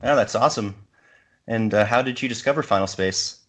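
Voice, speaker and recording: A man's voice: on the low side, brisk. A man guest-hosting a casual podcast interview, asking questions in a polite, appreciative way.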